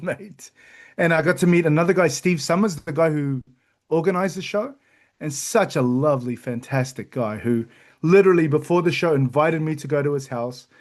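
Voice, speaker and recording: A man co-hosting a card collecting podcast, telling stories in an enthusiastic, animated way. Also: fairly high pitch. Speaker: podcast co-host. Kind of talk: casual chat.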